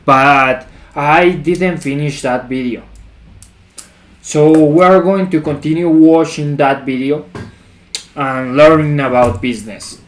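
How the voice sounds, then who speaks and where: Man, slightly high-pitched, slow delivery, livestream host, casual chat, gym-bro hype, repetitive phrasing. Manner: hype gym-bro talk, repeats phrases, often says bro.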